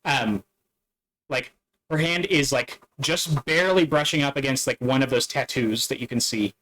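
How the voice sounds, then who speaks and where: Male dungeon master, mid-pitched, halting delivery with lots of fillers. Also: fairly bright tone, low-quality recording. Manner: halting, many fillers and restarts. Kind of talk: narrating a tabletop game.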